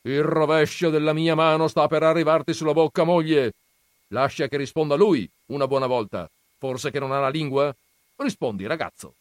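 A man voicing a gruff, domineering old grandfather in a read-aloud story, loud and declaiming. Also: medium pitch, expressive, moderate pace, dry recording, studio quality, voice pushed up, close to an everyday voice. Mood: gruff, commanding.

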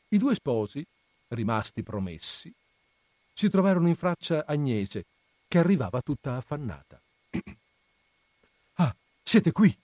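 A man giving an expressive, dramatic reading of a classic novel. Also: fairly low pitch, no echo. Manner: dramatic, animated storytelling. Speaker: reader.

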